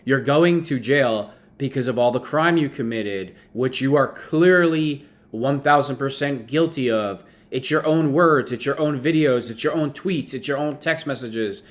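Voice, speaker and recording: Male commentator, medium pitch, mocking and emphatic, off-the-cuff reactions. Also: a little slow, few pauses.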